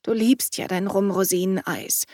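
Female reader voicing a nervous middle-aged mother, soft and hesitant. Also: mid-range voice, fairly even intonation, normal speed, dry recording, studio quality, natural voice.

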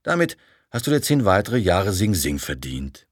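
A man's voice: low voice, sing-song, moderate pace, husky, no room sound, clean studio sound, pitched above the performer's own voice, full character voice. A man imitating a domineering rich tycoon with a clipped, bossy way of speaking. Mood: mocking. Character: domineering rich male arms dealer, curt and clipped.

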